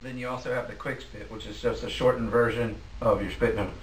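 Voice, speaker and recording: A man giving a casual, plain-spoken instructional demonstration as a goose calling instructor, with halting delivery. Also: medium pitch, steady tone. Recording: roomy, distant mic, faint noise.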